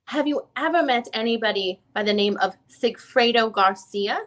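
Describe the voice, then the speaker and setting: In a dramatic reading of a deposition, a woman voices the attorney who questions a witness formally and methodically, in a probing mood. Her voice is a little high and a bit bright, close to how she normally talks, at a moderate pace.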